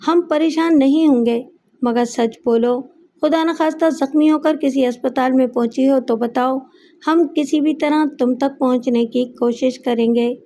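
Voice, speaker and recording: A woman voicing a suspicious, sharp-tongued middle-aged mother who scolds and threatens in an audiobook story. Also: high voice, fairly even intonation, unhurried. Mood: scolding. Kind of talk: audiobook character voice.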